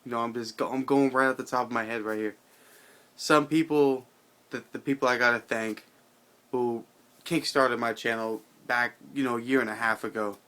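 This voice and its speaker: A tipsy, tired man rambling casually to his channel's viewers, halting, repeating himself and swearing in loose slang. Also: medium pitch, steady tone, fairly bright tone. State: drunk, somewhat intoxicated and tired. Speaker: video channel host. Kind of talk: casual rambling vlog monologue.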